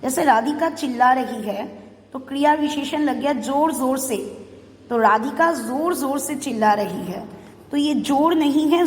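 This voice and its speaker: Slow high-voiced woman teaching grammar. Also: darkish tone, a little hiss or hum. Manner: patient, explains step by step with questions. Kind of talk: Hindi grammar lesson for children. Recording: echoey room with long reverb.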